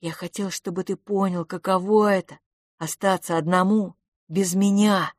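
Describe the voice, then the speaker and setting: A woman's voice: mid-range voice, steady tone, moderate pace, no echo, natural voice. A woman voicing Philipp, a frail and sickly boy who speaks bitterly and wearily, with sighs. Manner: bitter, sighing, subdued.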